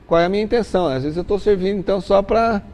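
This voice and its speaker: A man's voice: sits high, very fast, a little mellow. A man, a pastor on a panel discussion about faith, speaking reflectively and acting out a grumbling believer.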